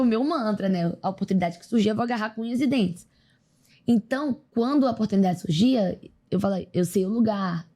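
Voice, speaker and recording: A young Brazilian woman, an athlete appearing as a podcast guest, tells her story in a casual interview with a mid-range, creaky voice. She's lively and animated, acting out what other people said in quoted voices.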